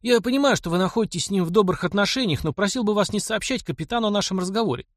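A man's voice: high voice, animated, very fast, no room sound, studio quality, pitched above the performer's own voice. A man voicing an elderly professor in an audiobook, eager and insistent, huffing when doubted. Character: elderly male professor, excitable and proud. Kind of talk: audiobook character reading.

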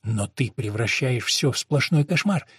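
A man voicing a defiant, angry wife in a marital quarrel, indignant and pleading, his voice rising into shouts. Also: medium pitch, expressive, moderate pace, husky, dry recording, clean studio sound.

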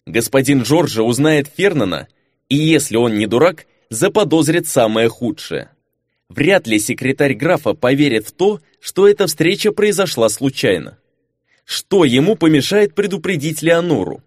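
A man narrating a fantasy audiobook with an expressive reading. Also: mid-range voice, moderate pace, no room sound, studio quality.

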